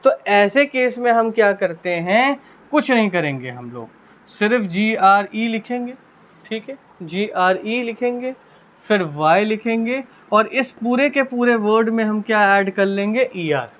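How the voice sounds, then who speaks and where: A male English teacher with a Hindi accent and a high-pitched, fairly bright voice explains grammar rules in a classroom lesson at a measured, animated pace. He keeps asking and answering his own questions and constantly repeats "ठीक है."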